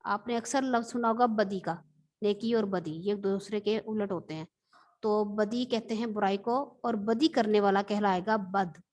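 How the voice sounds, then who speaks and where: Woman teacher, patient, explains slowly, classroom lesson. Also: medium pitch, fairly even intonation, a little mellow.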